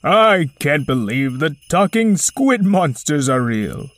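Lady doing a pushy mammoth santa guy, slow and swoopy, dry sound. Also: low-pitched, sing-song, full character voice. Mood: brusque. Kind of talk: storybook character voice.

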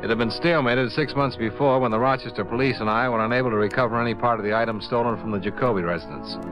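A man playing a businesslike freelance insurance investigator, measured and dry, in 1950s radio drama style. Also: medium pitch, over music, close to an everyday voice. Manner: measured, dry, matter-of-fact. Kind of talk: 1950s radio drama first-person narration. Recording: dull vintage radio recording.

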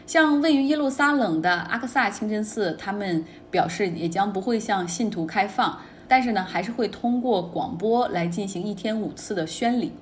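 Female podcast host, mid pitch, chatty and opinionated daily news commentary, faint noise underneath. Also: lively intonation, moderate pace, hardly any pauses. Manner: opinionated, conversational.

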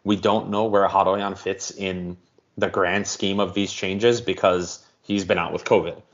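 Low-voiced guy on a football podcast, talks it through slowly w/ ums, muffled sound. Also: level tone. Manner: measured, explains at length with frequent ums. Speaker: podcast co-host. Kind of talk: casual football podcast chat. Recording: dull lo-fi audio.

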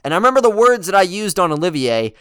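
A man's voice: high-pitched, sing-song, fast talker, fairly bright tone, clean tone, no room sound, studio quality. A man hosting a sports podcast, giving casual, conversational basketball commentary. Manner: conversational, informal.

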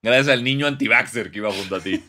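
A young man with a Mexican accent joins in the jokes on a casual podcast. His voice is very bright at a medium pitch, and he stammers and restarts his words, sometimes trailing off into low mutters. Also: fast, slight background noise. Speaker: podcast co-host. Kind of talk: casual comedic chat.

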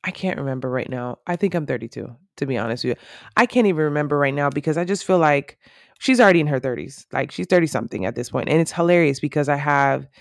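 A woman in her thirties hosts a solo podcast, sounding earnest and reflective as she rambles with many fillers. Her voice is deep and creaky, and she talks fast. The studio sound is clean, with no room sound.

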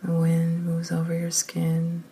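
A woman leading a guided meditation in a soft, often whispered, slow and soothing voice. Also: lowish voice, completely flat delivery, a little hiss or hum.

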